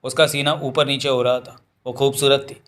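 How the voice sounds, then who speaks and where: A man reading a Hindi novel aloud as an audiobook narrator, voicing every character in the same steady way. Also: mid-range voice, normal speed. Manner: reads all characters in a nearly even voice.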